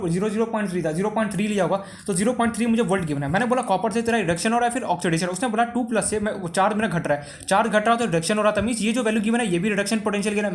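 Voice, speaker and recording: A young male tutor with an Indian Hindi accent rushes through a chemistry lesson in a high, quick voice. He asks himself questions and answers them at once, barely pausing for breath. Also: slight background noise. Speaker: chemistry teacher. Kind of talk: fast explanatory lesson.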